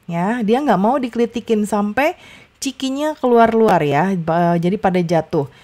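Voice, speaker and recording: Mellow-voiced woman tutoring small children. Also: mid-range voice, moderate pace. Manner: chatty, many fillers and tag "ya"; exaggerated emphasis when modeling intonation. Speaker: online tutor. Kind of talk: casual explaining lesson to young children.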